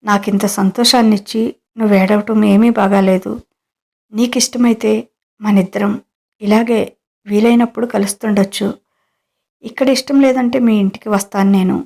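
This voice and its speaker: A woman voicing a middle-aged man, an employer, in an audio story, speaking in a low, even, coaxing way. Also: normal speed, pauses often, lightly acted. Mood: pleading. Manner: pleading, coaxing.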